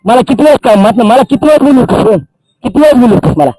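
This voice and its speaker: A man's voice: extremely high pitch, animated, rapid-fire, warm tone, breathy edge, rough recording. A man, a social activist delivering an angry, accusing public tirade and repeating phrases for emphasis. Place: outdoors by a Holi fire.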